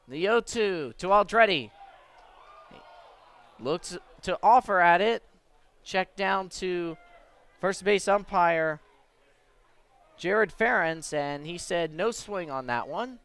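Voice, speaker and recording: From his broadcast spot at a sports venue, a male announcer gives live radio play-by-play with venue noise clearly audible behind him. His high-pitched, fairly bright voice is expressive, and he speaks slowly, pausing often.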